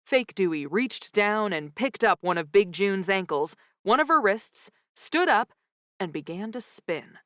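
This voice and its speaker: Woman reading a cozy mystery audiobook, bouncy pitch, dry close mic, wry. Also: measured pace, dry recording. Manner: lively, wry storytelling. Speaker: audiobook narrator. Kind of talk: first-person comic mystery narration.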